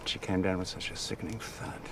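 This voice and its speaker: A shaken Australian witness in a TV drama, talking fast in a lowish voice. He sounds set back from the mic, with street noise around him. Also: flat delivery. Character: male court worker recounting a hit and run. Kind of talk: television police drama. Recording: distant TV dialogue with street noise.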